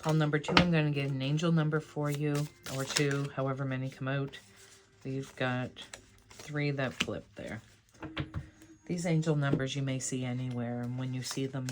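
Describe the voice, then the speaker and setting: Against a noisy background, a medium-pitched voice belongs to a tarot reader running a casual pick-a-card session. The tone toward viewers is conversational, encouraging and affirming.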